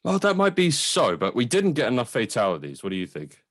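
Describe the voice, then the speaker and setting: Arguing informally and casually, another man co-hosting the film review show speaks briskly at a medium pitch, his voice swinging hugely up and down.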